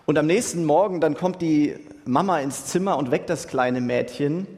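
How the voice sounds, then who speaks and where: Young male preacher with a casual, slangy delivery, slightly high voice, heard in a hall with long reverb. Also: normal speed, a little mellow. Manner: casual, youthful slang, asks "Ja?" often. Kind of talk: sermon.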